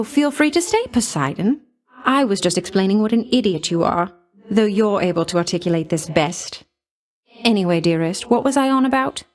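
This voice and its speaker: A woman's natural, darkish mid-range voice brings to life a vain, jealous, flirtatious love goddess in a video game. She coos condescending, coquettish endearments with a hidden threat, though the mood here is playful and teasing.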